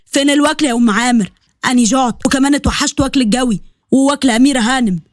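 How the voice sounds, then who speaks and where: A woman putting on a commanding old village grandfather who speaks in a thick rural dialect. The voice sits high and moves fast, and the recording is dry and close, with no room sound. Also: no room sound, natural voice. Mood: hungry, demanding.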